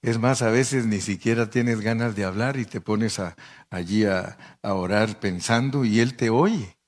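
Animated middle-aged preacher man. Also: unhurried. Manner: animated, acts out quoted voices with sudden pitch jumps; addresses listeners as brother, conversational. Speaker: pastor. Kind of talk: storytelling sermon.

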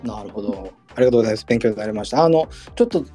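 A man's voice: lowish voice, animated, racing, dark tone, faint music behind. A male host asking polite, hesitant questions with many fillers in a casual online audio chat. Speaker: podcast host.

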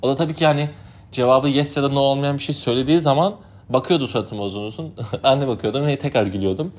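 A man's voice: mid-range voice, rapid-fire, a little mellow. A young man, a native Turkish speaker, casually recounting his summer as a camp counselor in a rambling, chatty way full of fillers. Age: young adult. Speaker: podcast host. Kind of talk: casual storytelling.

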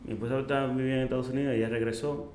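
Middle-aged dominican guy chef telling his story, animated and emotional, mid voice, echoey room. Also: medium pitch, very fast, slight background noise. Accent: Dominican Spanish. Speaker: chef and restaurant owner, guest. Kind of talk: casual storytelling interview.

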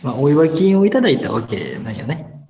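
A man's voice: fairly high pitch, huge pitch swings, brisk, mellow. A man in his twenties with a Kansai accent, co-hosting an amateur radio show with casual banter from an echoey room. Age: 20s. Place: indoors at a school. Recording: echoey school room, music behind.

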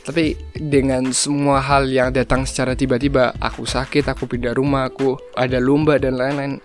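A young man hosting a casual solo podcast, talking in a relaxed way and slipping in English phrases. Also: medium pitch. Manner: relaxed, mixes English phrases, frequent fillers. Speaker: podcast host.

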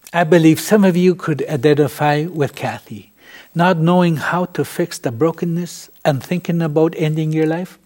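Gentle man hosting a ministry program. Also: fairly high pitch. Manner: calm, gentle, earnest direct address. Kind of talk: gentle ministry address to viewers.

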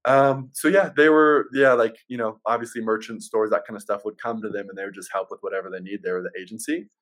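Male sales rep guest, fairly low voice, conversational and easygoing, explains like a practiced seller. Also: steady tone, fast, fairly bright tone. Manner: easygoing, salesman-like explaining, says man and right often. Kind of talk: casual chat.

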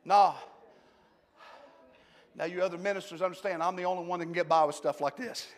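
A man preaching a Pentecostal sermon as pastor, swinging from hushed talk to shouted preaching. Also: sits high, steady tone, a little fast, slight background noise. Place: large church sanctuary. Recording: long hall reverb.

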